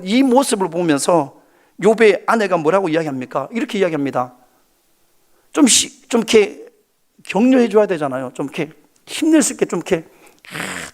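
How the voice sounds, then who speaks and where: Animated high-pitched male pastor preaching. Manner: animated, asks the congregation questions, acts out quotes. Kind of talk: sermon.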